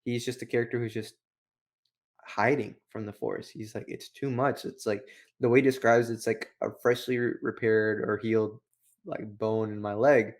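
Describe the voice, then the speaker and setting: On the low side and fairly even in intonation, his voice moves at a moderate pace as he co-hosts a book review show. His casual, slangy chat wanders as he retells and comments, packed with "like."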